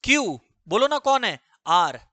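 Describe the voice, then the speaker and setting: A man's voice: high voice, sing-song, measured pace, sharp tone, dry recording. A man teaching a maths lesson to students, repeating key phrases and firing questions at the class.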